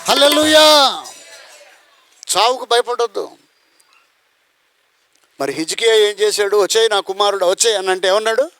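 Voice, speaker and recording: Faint music plays behind a pastor from India whose fairly bright voice sits high as he preaches briskly, pausing often. He peppers the sermon with rhetorical questions, acts out quoted voices, and breaks into song.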